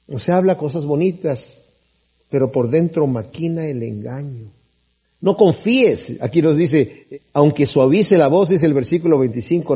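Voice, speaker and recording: A man's voice: a little high, mellow, husky. A middle-aged man preaching as a pastor, reading scripture aloud and explaining it conversationally, often asking "right?". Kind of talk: sermon.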